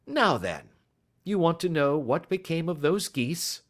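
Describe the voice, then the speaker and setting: Man playing masterful Sherlock Holmes, lively and raised. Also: a little high, a little slow, pitched above the performer's own voice. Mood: cheery. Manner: commanding, precise, dryly mocking, formal. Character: brisk, masterful male gentleman detective, coolly sardonic. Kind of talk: audiobook character voice.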